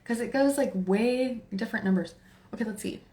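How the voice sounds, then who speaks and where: A woman's voice: a little high, fairly quick, a little mellow. A woman in her forties with a Texan accent, hosting a casual tarot livestream, chatty and laughing as she talks to her viewers and to herself. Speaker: tarot reader livestream host.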